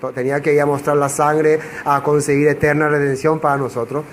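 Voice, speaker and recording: A man's voice: fairly high pitch, little pitch movement, fairly quick, a little hiss or hum. A man teaching a Bible passage verse by verse, who asks rhetorical questions and answers them himself. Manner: acts out quoted dialogue in changed voices.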